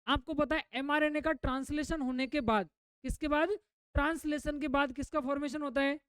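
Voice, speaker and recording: A woman's voice: high voice, steady tone, fairly quick, dry recording. A woman biology teacher giving a classroom lecture. She keeps asking her students questions and then repeats the answers herself, mixing English terms into her explanations.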